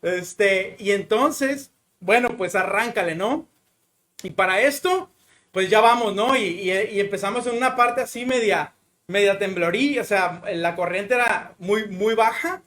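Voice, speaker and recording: A man with a Mexican accent giving a conversational sermon, chatty and full of little fillers, then slowing and softening as he prays. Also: high-pitched. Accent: Mexican Spanish. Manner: chatty, fills pauses with "¿no?" and "o sea"; slows down and softens when praying. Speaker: preacher. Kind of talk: conversational sermon with personal story.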